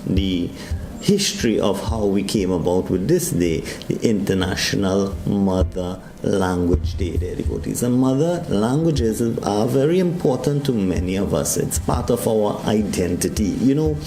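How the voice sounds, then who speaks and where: On a morning broadcast, a man from Trinidad and Tobago preaches a devotional talk to his listeners. His low, mellow voice breaks into sudden high pitch swoops, expressive and a little slow, echoing around a reverberant room.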